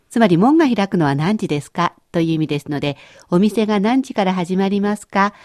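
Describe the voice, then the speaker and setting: A woman teaching a language lesson in a clear, encouraging way, explaining step by step. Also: lowish voice, a little mellow, no room sound, clean studio sound.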